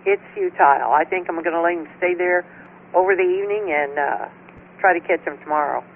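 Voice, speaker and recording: A woman's voice: on the low side, a little fast, narrow, tinny audio. A woman checking in on an amateur radio net, chatting in a folksy, familiar storytelling way over two-way radio. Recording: thin radio transmission with faint static.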